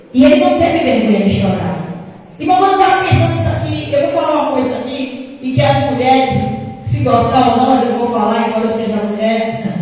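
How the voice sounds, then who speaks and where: A woman pastor, preaching a sermon in a sing-song, drawn-out style with frequent interjections. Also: on the high side, dark tone, far from the mic. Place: church hall. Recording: echoey church hall, mic from afar.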